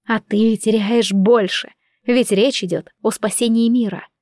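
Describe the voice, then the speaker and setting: A passionate young queen from an audiobook, as a woman reads her lines. She speaks with strong feeling in a somewhat high voice, dry and close to the mic. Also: steady tone, a little slow, darkish tone, no room sound, lightly acted. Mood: weary. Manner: emotional, impassioned. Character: young queen, proud and quick-tempered.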